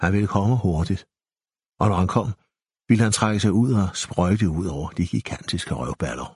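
A man narrating an audiobook in a measured, even reading. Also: low voice, breathy edge, dry recording, clean studio sound. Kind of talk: scripted narration. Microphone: close studio mic.

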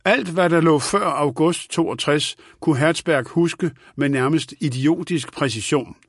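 A man narrating an audiobook in a calm, even reading manner. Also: on the high side, dry recording, clean studio sound.

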